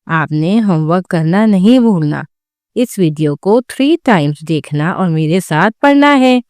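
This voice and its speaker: A woman's voice: lowish voice, lively intonation, a little mellow, dry recording, clean studio sound. A woman hosting a Quran lesson channel, reading a scripted, encouraging wrap-up of the lesson. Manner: encouraging, praising the learners.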